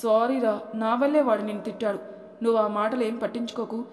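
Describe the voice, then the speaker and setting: A woman voicing a bossy, thrifty middle-aged mother-in-law in a brisk, commanding way. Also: on the high side, fairly even intonation, natural voice. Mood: apologetic. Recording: echoey room with long reverb.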